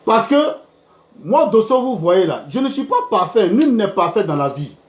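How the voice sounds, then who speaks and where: A man's voice: high voice, big pitch swings, moderate pace. A man hosting a live stream, talking in a heated, insistent way. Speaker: live video host. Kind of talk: live social media stream. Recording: echoey room.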